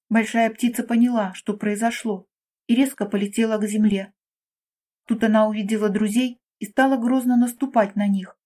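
Woman reading a kids' bedtime story, gentle, mellow and a bit high. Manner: gentle, storybook read-aloud. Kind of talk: children's story narration.

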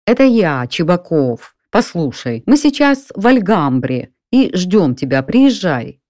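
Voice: medium pitch, big pitch swings, a little slow, darkish tone, no room sound, studio quality, pitched above the performer's own voice. Чтец изображает возбуждённого приятеля у телефона, настойчивого, голос повыше. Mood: insistent. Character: excited friend calling from a restaurant.

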